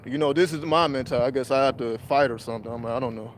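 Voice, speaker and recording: A man's voice: medium pitch, rapid-fire, noisy background. A man telling a rambling, profane street story in a casual livestream monologue. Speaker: livestream host.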